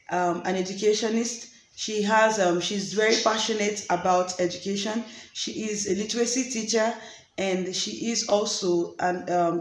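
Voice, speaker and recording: A woman hosting her own channel, talking casually with many fillers and restarts. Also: medium pitch. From Nigeria. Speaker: vlogger and host. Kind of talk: casual chat. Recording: echoey room with faint noise.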